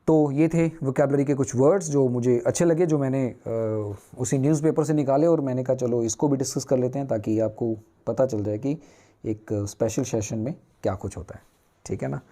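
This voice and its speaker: A man's voice: mid-range voice, normal speed, dark tone. A man teaching newspaper vocabulary, asking and answering his own questions at a whiteboard.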